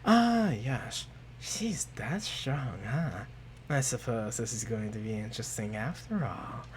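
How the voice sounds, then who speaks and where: A man voicing Zinnia, a weary goddess over a thousand years old who talks in a calm, drawling and sometimes hushed way. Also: a bass voice, slow pace, a little hiss or hum, full character voice. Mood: languid. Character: ancient weary goddess woman, lofty and dry.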